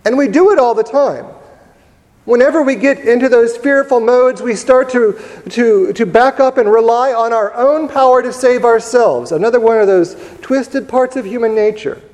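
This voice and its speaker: Guy giving a sermon, really high voice, chatty storytelling, church echo all around. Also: a little mellow. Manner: storytelling, conversational, with pauses and repeated words. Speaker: preacher. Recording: long reverb of a large church hall.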